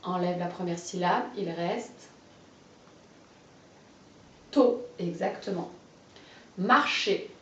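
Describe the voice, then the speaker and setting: A woman guiding a child through a phonology lesson, giving clearly pronounced words one at a time and encouraging replies. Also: lowish voice, a bit bright, recorded from a distance, a little hiss or hum. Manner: slow, carefully articulated, encouraging. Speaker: teacher of a phonology exercise. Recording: dull, roomy, off-mic sound.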